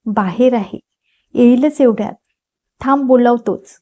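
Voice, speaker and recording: A woman voicing a cheerful young man who talks with excited, teasing warmth. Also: a little high, a little slow. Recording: dull lo-fi recording.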